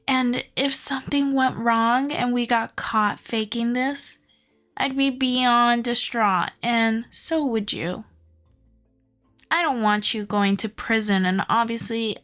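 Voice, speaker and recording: Playing a lovestruck young abductor in an ASMR roleplay, a woman sounds sweetly possessive and obsessive, coaxing and doting with soft control and a reassuring mood. She speaks slowly in a fairly high voice as gentle music plays behind her.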